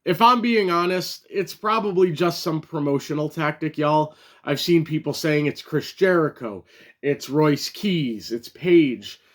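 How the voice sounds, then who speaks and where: Man, casual wrestling recap, fairly high voice, chatty, lots of ums, excitable. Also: a little slow. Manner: chatty, loose, many fillers and restarts. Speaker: wrestling show reviewer. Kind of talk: casual solo review talk.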